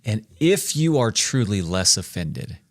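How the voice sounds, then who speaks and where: Guy in his 40s, lowish voice, punchy podcast co-host, super dry sound. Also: big pitch swings, a little slow, dry recording. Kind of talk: faith-based leadership discussion.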